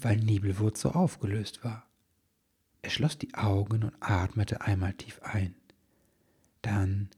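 A man narrating a children's storybook in a gentle, measured way, with a very husky voice. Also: fairly low pitch.

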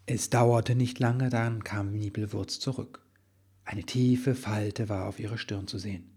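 A man narrating a children's storybook in a gentle, measured way, with a very husky voice. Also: fairly low pitch, steady tone.

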